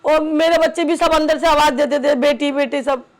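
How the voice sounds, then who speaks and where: A middle-aged woman speaking haltingly, with many pauses, about her family as a mother. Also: high-pitched, fairly even intonation. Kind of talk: emotional personal testimony.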